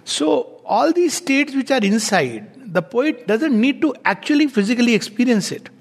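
Casting: man with a high voice, musing, chuckling poetry lecturer, long hall reverb. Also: very animated. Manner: musing, unhurried, frequent chuckles and "you know" fillers. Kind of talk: reflective spoken lecture.

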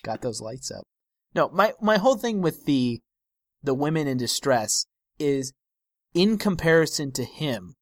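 A man's voice: mid-range voice, a bit bright, no echo. A man co-hosting a film podcast in casual chat, often trailing off and searching for the right words. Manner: hesitant, searching for words, stretched-out phrases.

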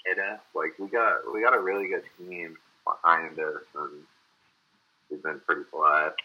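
Deep-voiced guest on muffled call audio. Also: male voice, steady tone, moderate pace, slightly rough. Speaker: band member, guest. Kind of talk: casual chat.

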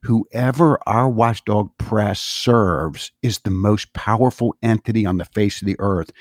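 A man with a fairly low voice delivers a long political monologue. He hammers his points with insistent repetition, like a speech. The sound is dry and close, with no room echo. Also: a little mellow. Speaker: political commentator. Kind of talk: monologue commentary.

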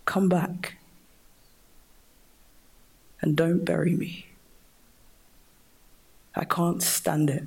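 A man playing a dead young son speaking to his father in a hushed, intimate spoken-word monologue. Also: fairly high pitch, creaky, full character voice. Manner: intimate, hushed, keeps saying "Dad".

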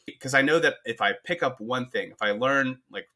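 A man's voice: medium pitch, fairly quick, bright, forceful tone. A man answering as a guest on a casual podcast, easygoing and reflective.

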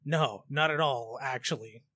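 A man's voice: medium pitch, measured pace, pushed and bright. A man from Massachusetts chatting as a podcast guest, joking, swearing and laughing easily. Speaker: guest, chiptune artist. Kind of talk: casual chat.

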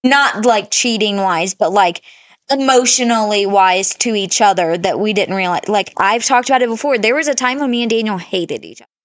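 A woman's voice: mid-range voice, moderate pace, dry recording, clean studio sound. A woman in her thirties co-hosting a podcast, giving blunt, emphatic advice in casual chat and swearing often. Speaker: podcast co-host.

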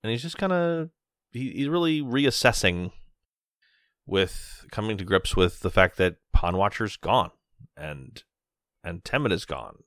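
Deep, gravelly man thinking aloud. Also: expressive, a little slow, fairly bright tone, no room sound, clean studio sound. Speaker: tabletop game player. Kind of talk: casual talk about a role-playing game.

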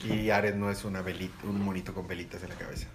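A man chatting casually about comics, excitable and joking. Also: low voice, quick pace, background noise.

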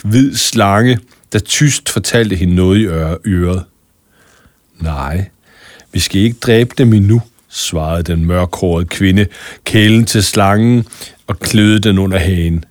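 A man, calmly narrating a children's story. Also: on the low side, no room sound, clean studio sound.

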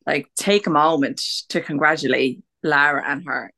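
Bright-voiced Irish woman, blunt and sweary. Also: low-pitched, moderate pace, creaky. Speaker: podcast co-host. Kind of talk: casual gossip chat.

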